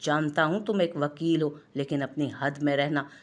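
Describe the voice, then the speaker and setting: A woman's voice: deep voice, fairly even intonation, moderate pace, natural voice. A woman narrator voicing an arrogant, threatening young man who speaks in a commanding way.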